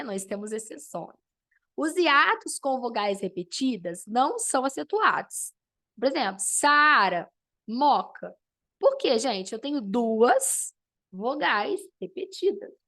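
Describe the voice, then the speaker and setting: Woman, online teacher, fairly high voice, patient step-by-step explaining. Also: sharp tone. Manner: explains step by step, keeps checking in with the class. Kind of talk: online class lecture.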